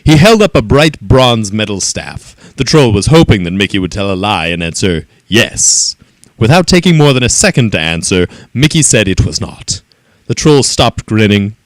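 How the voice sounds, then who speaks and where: Male storyteller, lowish voice, animated reading, dry close sound. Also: moderate pace, dry recording. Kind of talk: children's story read-aloud.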